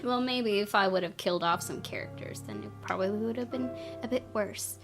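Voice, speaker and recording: A young woman, a gaming YouTuber, gives let's-play commentary on a visual novel in a brisk, mid-range voice. She reacts emotionally and loudly, talking to herself as she plays, while the game's music plays behind her.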